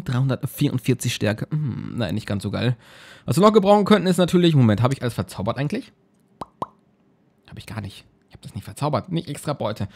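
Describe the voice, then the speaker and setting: A man's voice: fairly high pitch, a little mellow. A man giving casual, rambling commentary on a game he is playing, often repeating words as he browses items. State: yawning, just woke up. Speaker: let's play host.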